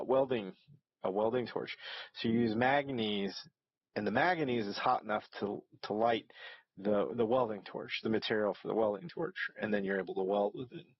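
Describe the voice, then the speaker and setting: A man's voice: fairly low pitch, no room sound, highs cut off. A man hosting a reaction video, talking casually and rambling, with lots of ums and restarts. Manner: rambling, hesitant, with many fillers.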